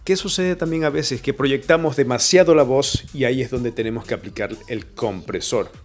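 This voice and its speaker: A man teaching voice technique. He talks directly to the viewer and changes his projection and brightness on purpose to demonstrate. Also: mid-range voice, moderate pace, faint music behind. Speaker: voice coach. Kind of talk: voice technique tutorial. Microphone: camera and microphone.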